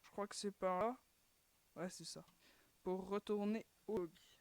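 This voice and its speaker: Over a dry recording, a woman with a mid-range voice hosts a gaming channel, chatting casually in a steady, unhurried way as she plays. Her talk is full of fillers and restarts, and she keeps groaning and sighing "too bad" whenever an attempt fails.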